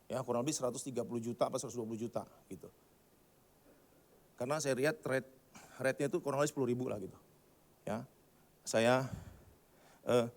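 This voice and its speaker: A man's voice: mid-range voice, a little mellow. A male pastor preaching a sermon at a church service, telling stories in a conversational way and putting questions and jokes to the congregation.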